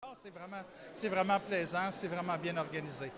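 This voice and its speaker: A man's voice: high voice, fairly even intonation, a little fast. A man from southern Ontario, a foundation director speaking upbeat while searching for words. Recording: gala crowd outdoors.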